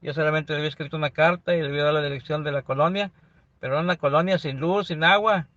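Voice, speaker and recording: A middle-aged man recounts a personal testimony in plain, conversational storytelling. His voice sits a bit high, and the recording sounds dull and lo-fi. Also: steady tone, racing, a bit bright, no echo. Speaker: guest giving a testimony.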